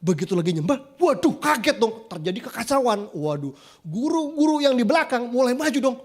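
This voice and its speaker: Male preacher, high voice, casual anecdotal delivery that slips into voices for quoted people. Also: a little fast. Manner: lively, chatty, acts out quoted voices. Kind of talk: casual storytelling sermon. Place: church.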